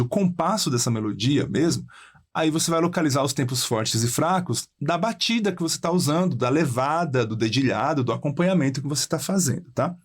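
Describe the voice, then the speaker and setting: A male music teacher explains a guitar and singing lesson step by step, counting beats aloud. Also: mid-range voice.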